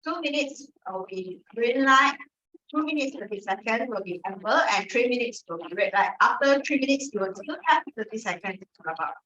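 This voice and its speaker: A woman's voice: on the high side, lively intonation, fairly quick, sharp tone. A woman with a Malaysian accent speaking informally at a club meeting in colloquial Singlish-style English, on a dull recording. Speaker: toastmasters meeting speaker and host. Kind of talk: informal club speech and hosting. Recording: dull, lo-fi sound.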